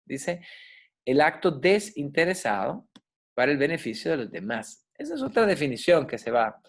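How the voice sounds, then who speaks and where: A man, giving a yoga class lecture. He explains slowly, spells out and repeats Sanskrit words, and keeps checking in with his listeners. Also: fairly high pitch, big pitch swings. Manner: checks in with listeners, asking ok and right. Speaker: yoga teacher.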